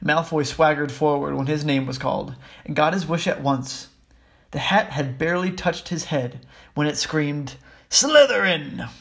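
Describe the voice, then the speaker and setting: A man reading a children's book aloud in a steady, even way, with small slips. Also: on the high side, moderate pace, gravelly. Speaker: audiobook reader. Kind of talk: storybook reading.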